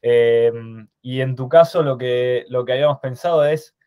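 A man's voice: medium pitch, moderate pace, dark tone, clear, resonant tone. A man with an Argentine accent hosting a podcast interview, asking questions hesitantly with many restarts. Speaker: podcast host.

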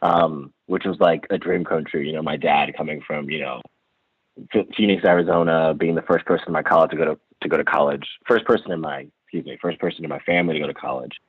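A man's voice: extremely low pitch, fairly even intonation, fast talker, breathy edge, no echo. A young man telling his story as an interview guest, reflective and full of fillers and restarts. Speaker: interview guest, former college lacrosse player. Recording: tinny phone-line sound.

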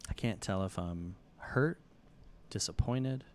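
Podcast co-host, male, lower voice, playful mock-exasperated banter. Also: takes it slowly, slight background noise. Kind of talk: casual chat.

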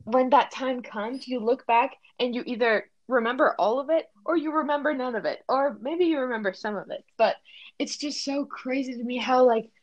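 A teenage girl co-hosting a podcast, talking in a thoughtful, halting way with lots of fillers. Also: high voice, dry recording, dull audio. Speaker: podcast co-host. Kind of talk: casual reflective chat.

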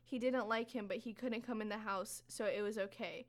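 A woman in casual chat, reading short creepy stories aloud with dramatic pauses and animated reactions. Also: medium pitch.

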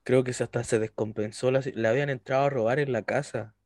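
A young Chilean man talking in a relaxed, slangy way as a podcast co-host. His voice is in a middle range, and the sound is close and dry. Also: mid-range voice, fast, dry recording. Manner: relaxed, laughs often, slangy. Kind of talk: casual chat.

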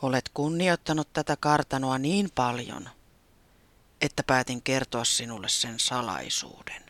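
A narrator voices an ancient manor spirit in a storybook, speaking low, slowly and softly, close to a whisper. The voice swings little, and the recording is dry. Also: lively intonation, no room sound, lightly acted. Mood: hushed. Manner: low, soft, slow and half-whispered.

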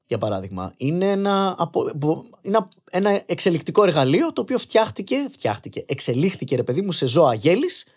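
A young man in casual podcast conversation, arguing his points with animated energy and slipping in English phrases. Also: on the high side, few pauses. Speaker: podcast guest.

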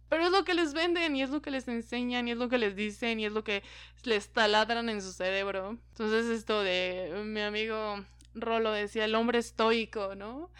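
A woman's voice: medium pitch, fairly bright tone, clear, resonant tone, no echo. A woman with a Mexican Spanish accent, talking to her viewers in a frank, casual monologue, swearing freely. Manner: frank and profane, laughing often. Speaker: vlogger.

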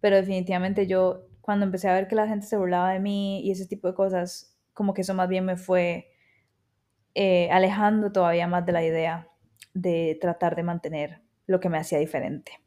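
A woman's voice: on the low side, flat delivery, dark tone. Reflective woman. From Argentina, raised in Costa Rica. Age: 30s. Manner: reflective, candid, with pauses and restarts. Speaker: podcast host. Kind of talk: personal storytelling monologue.

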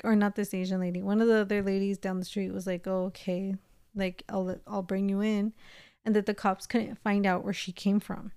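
A woman's voice: mid-range voice, warm tone, clean tone, no room sound, studio quality. A young woman co-hosting a podcast, casually recounting a strange dream with lots of "like" and quoted dialogue. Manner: chatty, lots of "like" and acted-out quotes. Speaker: podcast co-host. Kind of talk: casual storytelling.

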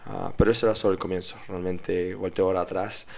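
A man with a Mexican accent, a strength coach from Mexico City, telling his career story calmly with many fillers, recorded in a hotel room. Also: sits low, fast, creaky. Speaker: guest, strength and conditioning coach. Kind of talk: casual podcast interview. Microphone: portable recording kit.

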